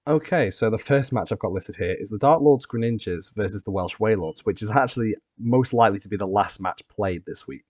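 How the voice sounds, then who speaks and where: A man's voice: fairly low pitch, lively intonation, fairly quick, hardly any pauses, darkish tone, no room sound. A man hosting a casual recap and predictions chat, talking as a player himself. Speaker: podcast host and competitive player.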